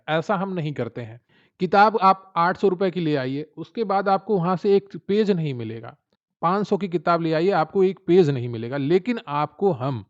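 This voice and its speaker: A man with a somewhat high voice gives an exam-prep lesson and keeps coaxing viewers to sign up for his notes. He talks straight to the audience in a persuasive promotional tone. The audio sounds dull and lo-fi. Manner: persuasive, addresses viewers directly.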